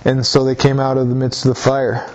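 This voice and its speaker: A man delivering a sermon in an earnest voice, pressing his listeners directly and going back over his words. His pitch sits in an ordinary middle range. The recording is a little dull and lo-fi. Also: completely flat delivery, fairly quick, a little mellow. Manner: earnest, repeats phrases, exhorts listeners directly. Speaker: preacher. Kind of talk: sermon reading scripture and explaining it.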